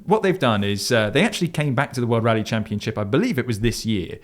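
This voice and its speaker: A man's voice: medium pitch, expressive, fast. A man from Surrey with a southern Surrey, Home Counties English accent, co-hosting a casual podcast chat about cars. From southern Surrey, England. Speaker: podcast co-host.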